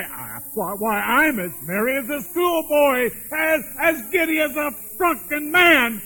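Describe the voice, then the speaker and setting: Old miser turned giddy and joyful, played by a man. Very high, slow and drawn-out delivery. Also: pushed and bright, full character voice, rough recording. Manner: pleading, then overjoyed and breathless with laughter.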